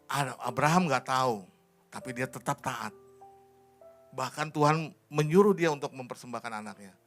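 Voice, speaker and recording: A male pastor preaching in a church, his voice rising high and pleading when he presses a point, then sinking soft. He drops English phrases into the sermon. Faint instrumental music plays behind him. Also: moderate pace. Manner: rises to a high impassioned pitch. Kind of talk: sermon and prayer.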